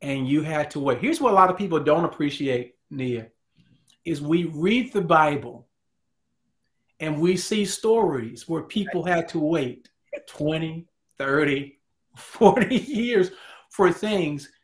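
A man's voice: fairly high pitch, expressive, slow. A man hosting a faith talk show, speaking in an emphatic, preacherly way and addressing the audience directly.

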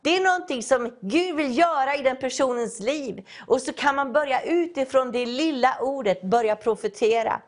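A woman preaches in a fairly high voice. She tells a Bible story and gives its characters voices of their own. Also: hardly any pauses. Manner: acts out story voices, calling out.

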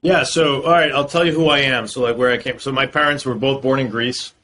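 Heard in a podcast interview, this Boston-based real estate lawyer has a medium-pitched voice with a sharp, steady tone and a slightly fast delivery. He goes on fluently in long explanatory passages, dropping in plenty of fillers. Some slight background noise is present.

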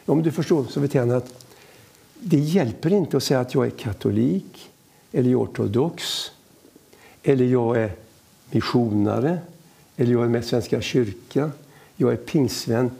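A middle-aged man tells anecdotes in a relaxed conversation, slipping into the voices of the people he quotes. His voice is gravelly and husky, with a mellow, dark tone. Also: medium pitch, long pauses. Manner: lively storyteller who acts out quoted dialogue. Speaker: evangelist guest.

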